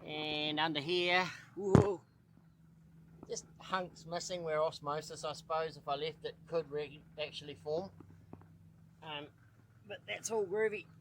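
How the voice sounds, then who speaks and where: A man's voice: on the high side, unhurried, background noise. A middle-aged New Zealand man with a New Zealand accent hosts a casual do-it-yourself boat-repair vlog. He chats in an easygoing way and thinks aloud as he goes, sounding tired. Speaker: boat owner and channel host.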